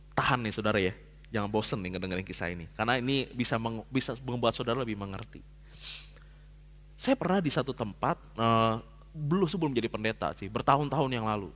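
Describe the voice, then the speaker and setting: A man preaching a sermon as a pastor, telling a personal story in casual slang and swinging from hushed to loud. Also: mid-range voice. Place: church hall. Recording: long hall reverb.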